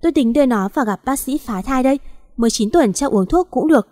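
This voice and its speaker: A woman voicing a harsh, impatient older sister with a sharp, scolding manner. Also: high voice, lively intonation, fast talker, no room sound.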